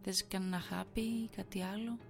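A woman voicing a caring young woman who gently fusses over her worried partner. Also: medium pitch, fairly even intonation, vocal fry, faint music behind, lightly acted. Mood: tender. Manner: gentle, pleading.

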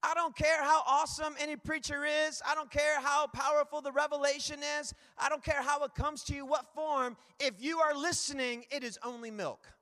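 A man preaching a lively church sermon, rambling and energetic, calling out to the congregation. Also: extremely high pitch, normal speed, hardly any pauses. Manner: energetic, rambling, calls out to the crowd. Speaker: guest preacher. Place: church hall. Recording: long hall reverb.

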